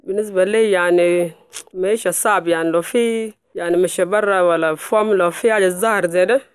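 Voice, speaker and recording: A woman in her twenties speaks with a South Sudanese Arabic accent, answering questions in quick, direct sentences. Her voice is a little lower than most women's and sounds close and dry. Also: steady tone, smooth, dry recording. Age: 20s. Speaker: interviewee. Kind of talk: casual interview answers.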